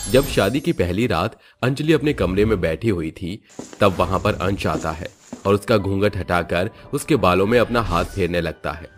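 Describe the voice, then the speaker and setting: A man narrating an animated family story in a steady storytelling manner. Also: sits low.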